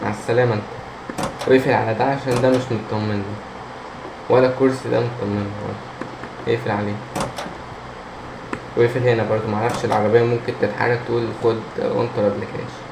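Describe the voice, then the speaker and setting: An Egyptian man commentates a horror game in a casual, jumpy way, chatting to himself and to the characters. His mid-pitched voice sits in a roomy echo with clear background noise and hum. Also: little pitch movement, fast talker, long pauses. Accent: Egyptian Arabic. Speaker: gamer, let's player.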